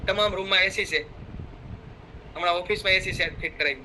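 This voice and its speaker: A man's voice: sits high, fairly quick, pushed and bright, slight background noise, low-quality recording. A middle-aged man giving a fervent motivational talk, urging listeners on and acting out what his friends said. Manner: fervent, exhorting, acts out quoted friends. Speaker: motivational speaker.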